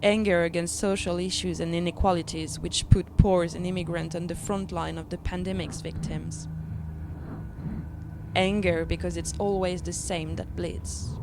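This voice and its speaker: A woman's voice: on the low side, level tone, normal speed, gravelly, background noise. A woman delivering a bitter, angry spoken-word monologue in non-native English. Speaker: performance artist. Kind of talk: spoken-word art piece over music. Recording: spoken over loud music. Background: loud music.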